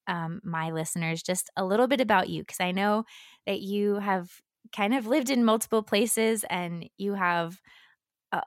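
A woman hosting her own podcast asks long, looping questions in a casual tone. Her mid-pitched voice comes across dry and close, with no room echo. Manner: chatty, rambling questions with likes. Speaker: podcast host. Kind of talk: casual interview.

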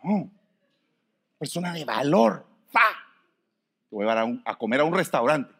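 A man preaching a sermon, swinging from soft, quiet passages to sudden shouts. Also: mid-range voice, animated, quick pace, gravelly, husky.

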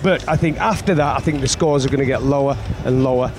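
A man's voice: mid-range voice, quick pace, noisy background. A man giving conversational cricket analysis as a pundit, often repeating his opening words as he reasons.

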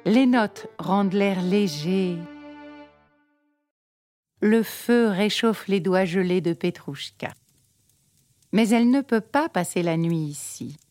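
A woman reading a children's storybook aloud in a calm, measured way. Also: medium pitch, no echo, soft background music. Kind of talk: storybook read-aloud narration.

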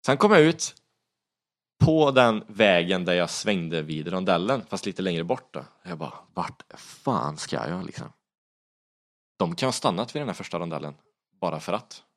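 A young man casually retelling a story, animated, swearing often and acting out his own panic. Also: sits low.

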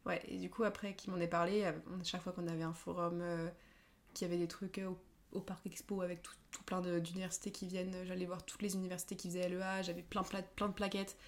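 A woman's voice: lowish voice, level tone, fast talker. Chatty young Frenchwoman with many fillers. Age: young adult. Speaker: guest. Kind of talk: casual chat.

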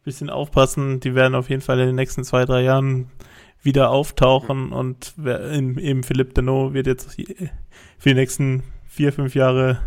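A man co-hosting a casual podcast, speaking in an even, measured way. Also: medium pitch. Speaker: podcast co-host.

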